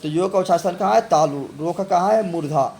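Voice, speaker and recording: A man's voice: sits high, fast talker, gravelly, darkish tone. A man teaches a grammar lesson. He asks each question aloud, answers it himself, and often repeats words and restarts his sentences. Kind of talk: grammar lesson for exam revision. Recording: faint background noise.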